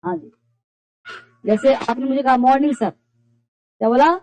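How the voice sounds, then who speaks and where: A woman's voice: high-pitched, a little slow, mellow, slight background noise. A woman teaching a basic English class, explaining phrases patiently and quizzing her students with repeated questions. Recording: dull lo-fi classroom recording.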